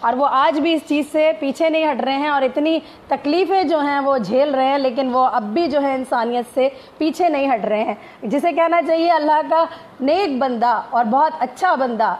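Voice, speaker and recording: High-voiced woman hosting a live stream. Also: normal speed, darkish tone. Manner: formal Urdu-inflected greetings, many hesitations.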